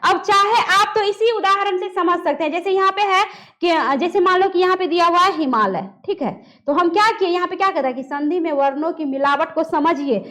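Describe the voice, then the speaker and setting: A woman's voice: extremely high pitch, a little fast, fairly bright tone. A woman teaching a grammar lesson, asking questions and answering them herself. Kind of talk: classroom lesson at a board.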